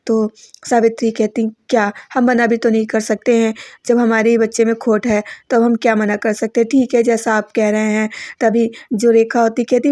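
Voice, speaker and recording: A woman's voice: fairly high pitch, darkish tone, no room sound. A woman casually retelling a TV serial episode, quoting each character in her own plain voice. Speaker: voice-over narrator recapping a TV serial. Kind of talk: casual spoken recap.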